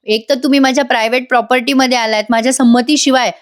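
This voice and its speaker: Indignant young man, read by a woman, sharp, slightly raised voice, retold TV drama scene. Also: high voice, fairly even intonation, fast talker, close to an everyday voice. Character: stern young man defending his family.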